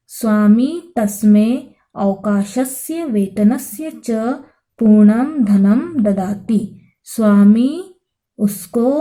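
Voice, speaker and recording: A woman teacher explaining a lesson, reading each phrase and then translating it slowly, often repeating herself. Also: a little high, mellow, low-quality recording. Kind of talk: explaining a Sanskrit lesson in Hindi.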